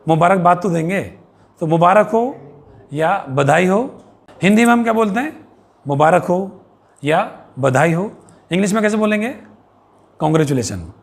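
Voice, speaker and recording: A man with an Indian accent teaching English phrases to children and parents, repeating each one slowly and asking the viewer questions. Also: sits high. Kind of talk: bilingual vocabulary lesson for young children and parents.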